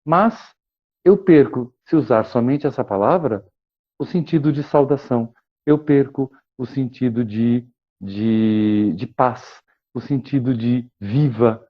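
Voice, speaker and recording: A man, a guest expert explaining things in a measured, lecturing way, often tagging questions and pausing to cough. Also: mid-range voice, lively intonation, muffled recording. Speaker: guest expert on liturgical chant. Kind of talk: explanatory interview talk.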